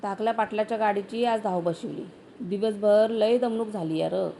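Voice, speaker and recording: A woman voicing a drowsy, grumpy male village blacksmith who speaks in gruff rural dialect. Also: medium pitch, moderate pace, dark tone, slight background noise, natural voice. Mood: drowsy grumbling.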